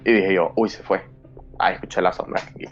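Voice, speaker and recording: Deep-voiced man telling a scary story. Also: little pitch movement, brisk, lo-fi sound, faint music behind. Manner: dramatic storyteller who acts out his own fearful past self. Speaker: podcast host. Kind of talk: recounting a personal scary story.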